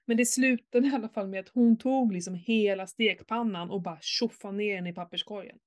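A middle-aged woman chats candidly and casually, telling an emotional personal story full of swearing and animated outbursts. Her voice is medium in pitch.

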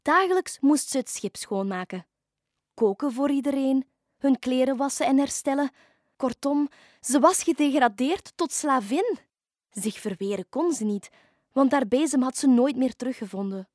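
A woman reading a children's story aloud in an expressive, lively way. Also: high-pitched, moderate pace, no room sound, studio quality. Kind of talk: scripted storybook narration.

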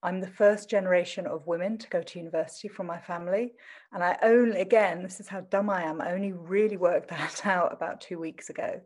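A middle-aged woman from Southend in Essex, England, speaks in a steady, slightly fast, lowish voice with a darkish tone. She's a teacher and interview guest whose adopted standard English accent still carries traces of Essex. In a conversational interview, she talks thoughtfully and self-deprecatingly.

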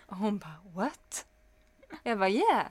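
Young woman telling animated stories. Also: mid-range voice, no echo. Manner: animated storyteller who plays both sides of a scene. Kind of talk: casual podcast chat.

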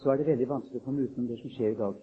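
A man's voice: mid-range voice, steady tone, slightly rough. A man preaching a sermon, reading scripture solemnly and building to emphatic, raised declarations. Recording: tinny lo-fi phone-like recording.

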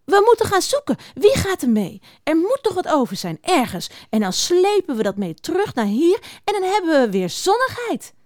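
A woman squeaking as an eager little field mouse. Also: big pitch swings, measured pace, darkish tone, no echo, studio quality. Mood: excited. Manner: squeaky, eager, breathless questioning.

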